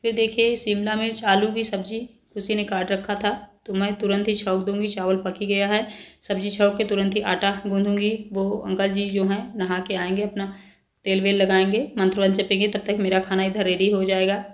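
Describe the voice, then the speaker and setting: A woman's voice: medium pitch, little pitch movement, normal speed. A woman chatting casually with viewers as she cooks in her home kitchen, narrating what she is making. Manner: chatty, addresses viewers as friends. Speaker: home cooking vlogger. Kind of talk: casual cooking vlog narration. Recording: roomy kitchen echo, faint background noise.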